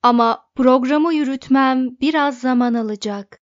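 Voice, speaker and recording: A vast male supercomputer from a storybook, booming and pompous, voiced by a woman reading aloud in a somewhat high, dry voice. It sounds off in a slightly dull, close recording. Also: measured pace, no room sound. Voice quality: loud, booming. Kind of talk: audiobook reading.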